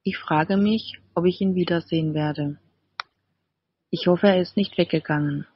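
Brief: a timid, henpecked fisherman in a fairy-tale storybook, read by a woman; hesitant, husky. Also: fairly low pitch, a little slow. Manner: hesitant, apologetic. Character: timid poor old fisherman, meek. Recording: slightly dull, dry recording.

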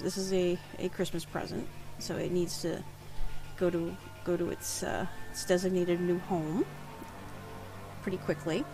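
On poor audio, a woman with a mid-range voice hosts a casual crafting livestream from home. She rambles and chats, restarting her sentences often.

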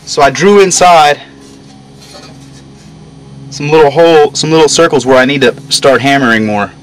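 With a slightly high voice and a moderate pace, a young hobby metalworker narrates an informal demonstration in stages. He is outside in a work yard. His voice reaches a camera mic a short distance away, and the camcorder audio is noisy.

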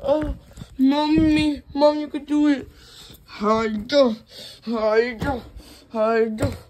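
A woman voicing a squeaky, whiny baby alien child in a toy skit, high-pitched and tearful. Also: drawn-out words, a little hiss or hum. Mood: frantic tearful.

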